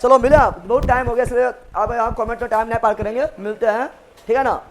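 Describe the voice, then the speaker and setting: A man's voice: very high voice, steady tone, fast talker. A man teaching a live online revision class, joking and quizzing his students with memory tricks. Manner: playful, joking, repeats questions to students. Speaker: exam coaching teacher.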